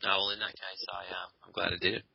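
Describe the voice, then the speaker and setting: While gaming alongside his co-host at his computer, a man chats casually, ribbing him and swearing without restraint. His voice is low, creaky, and slightly rough, level in tone and quick in pace, recorded through a desk microphone with a dull, dry, lo-fi quality.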